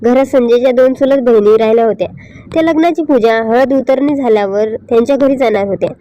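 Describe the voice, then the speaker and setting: A woman tells a scripted story with a steady, even delivery. Her voice is mellow and pitched slightly high. The recording is close and dry. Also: fast, no echo, dull audio.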